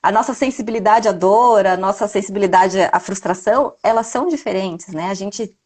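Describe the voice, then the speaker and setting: A woman's voice: medium pitch, brisk, darkish tone. A mother talking reflectively in a casual live video chat, often ending her points with a tag question.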